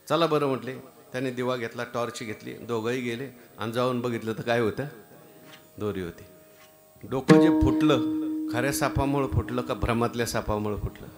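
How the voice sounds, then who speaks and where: Marathi kirtan preacher, sung chants over instruments. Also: male voice, mid-range voice. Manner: rises into loud sung chants, storytelling with dialogue. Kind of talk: devotional kirtan sermon with sung verses.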